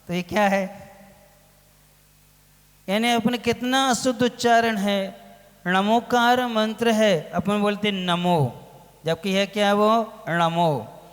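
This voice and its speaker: A man giving a religious lecture as a monk, asking his listeners questions and answering them himself, drawing out key words slowly. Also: sits high. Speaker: Jain monk teaching a scripture class. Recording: long hall reverb.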